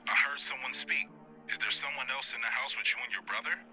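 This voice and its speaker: A man's voice: medium pitch, fairly quick, sharp tone, faint music behind, pitched above the performer's own voice. A man voicing an emergency operator on the phone, talking in an urgent, commanding way. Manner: urgent, commanding, rising to pleading.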